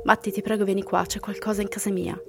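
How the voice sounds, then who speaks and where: A woman's voice: medium pitch, little pitch movement, quick pace, gravelly, music in the background, close to an everyday voice. A woman reading out a terrified young woman begging for help. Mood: frightened, pleading. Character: terrified young woman locked in her room.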